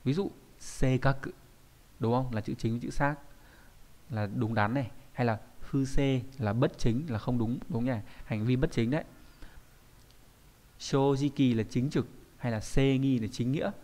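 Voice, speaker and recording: A man teaching an online kanji lesson in a chatty, explanatory way, often pausing to check that his students follow. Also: mid-range voice, steady tone, warm tone. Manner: explanatory, with frequent checking tags. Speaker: Japanese teacher.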